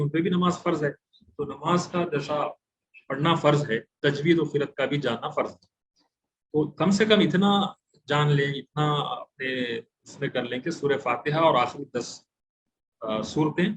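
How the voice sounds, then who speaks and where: Man, from India, Quran recitation teacher, religious lecture, fairly high voice, slow careful letter sounds, thinking pauses, faint background hiss. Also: rough recording.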